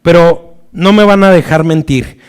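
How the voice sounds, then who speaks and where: Slow-talking man preaching a sermon. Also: clean tone. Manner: slow, searching delivery with restarts and rhetorical "¿sí?"; acts out quoted voices with sudden swings of pitch and loudness.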